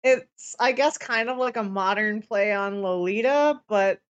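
Female podcast co-host, medium pitch, frazzled and tired, loose rambling chat with frequent false starts. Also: a little slow, dull audio. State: mentally fried, tired. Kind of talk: casual live-stream chat.

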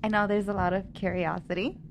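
A woman's voice: mid-range voice, fairly even intonation, fairly quick, a little hiss or hum. Hesitant woman born in El Salvador. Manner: hesitant, many ums. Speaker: guest. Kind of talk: casual chat.

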